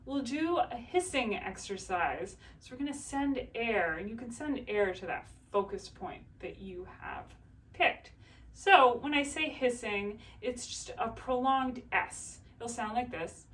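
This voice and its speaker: Calm, slow-spoken woman voice teacher. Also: fairly high pitch, distant mic. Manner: calm, slow, soothing instruction. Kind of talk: guided breathing exercise.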